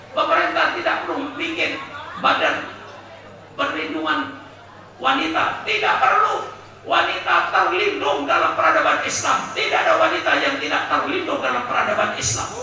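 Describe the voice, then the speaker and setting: A high-voiced man preaches with a swooping, lively delivery, joking and asking the congregation for agreement. He sounds far from the mic in a hugely echoing hall, with a crowd audible behind him. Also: vocal fry. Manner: jokey, asks the crowd for agreement, acts out short household exchanges. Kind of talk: humorous sermon to a live congregation.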